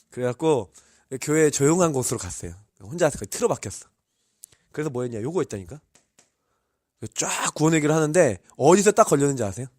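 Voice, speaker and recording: A male pastor preaching to university students, telling personal stories and asking the audience many questions. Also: sits high. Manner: tells personal stories with vivid sound words.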